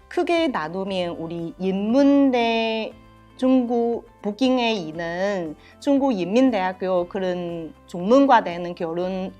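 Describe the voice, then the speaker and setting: A woman from China, a native Chinese speaker and professor, answering interview questions in halting Korean with a Chinese accent and frequent fillers. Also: mid-range voice. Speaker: professor, head of a university Chinese department.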